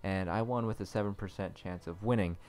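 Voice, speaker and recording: A man's voice: low voice, a little fast, a little mellow. A man talking casually to viewers as a gaming video creator. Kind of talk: casual video intro talk.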